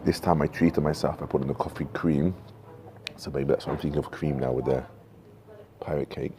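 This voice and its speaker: A man in his fifties chatting casually to camera outdoors, in an unhurried, musing manner with frequent pauses. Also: extremely low pitch, fairly even intonation. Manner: unhurried, musing, pausing often. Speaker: pipe tobacco reviewer. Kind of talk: casual vlog chat. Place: covered porch outdoors at night. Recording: noisy home-made outdoor recording.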